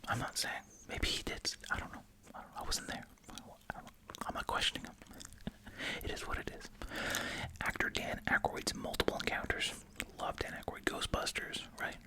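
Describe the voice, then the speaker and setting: Whispering breathily and unvoiced right at the mic, an ASMR host chews gum through the words while reading aloud and tossing in chatty asides. The pace is moderate and the whisper sounds pushed and bright.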